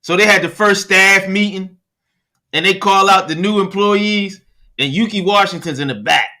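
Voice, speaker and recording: A male podcast host chatting in a relaxed, friendly way and trailing off as he searches for words. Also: sits high, normal speed. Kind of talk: casual podcast interview.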